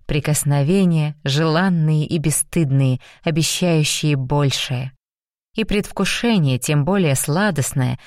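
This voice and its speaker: A woman narrating a romance novel aloud in smooth, even storytelling. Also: deep voice, no echo, studio quality. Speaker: audiobook narrator.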